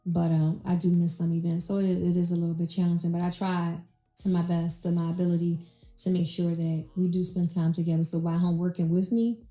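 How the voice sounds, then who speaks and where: Mellow, even-toned woman in a roomy space. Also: fairly low pitch, a little fast, soft background music. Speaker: business owner guest. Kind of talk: casual interview chat. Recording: roomy echo.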